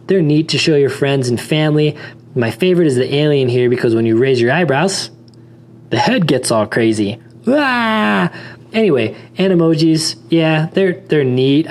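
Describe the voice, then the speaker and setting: A man's voice: mid-range voice, darkish tone. A man talking casually to viewers in a tech review vlog, rambling with many restarts, his voice a little worn.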